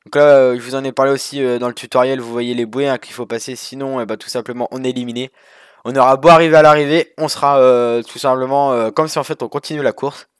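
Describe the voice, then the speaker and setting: A man's voice: medium pitch, steady tone, quick pace, clean tone, no room sound, clean studio sound. Rambling young man narrating a game. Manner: rambling, many fillers and restarts. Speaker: gaming youtuber. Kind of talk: casual screen-recorded game walkthrough.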